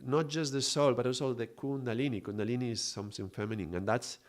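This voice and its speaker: A man from Mallorca, teaching on a spiritual live stream in an unhurried, reflective way and greeting viewers. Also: mid-range voice, fairly even intonation. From Mallorca, Spain. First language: Spanish.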